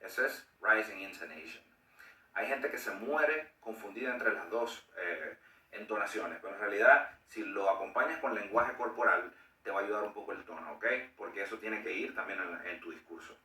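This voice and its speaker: Bright-voiced man teaching grammar in a roomy space. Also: lowish voice, moderate pace, far from the mic. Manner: demonstrates intonation with examples. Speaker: English teacher. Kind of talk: explaining a grammar lesson.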